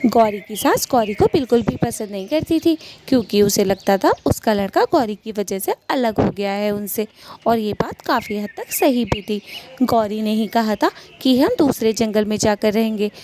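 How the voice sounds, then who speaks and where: A woman narrating a cartoon story in a plain, steady storytelling voice. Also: a little high, normal speed, slight background noise.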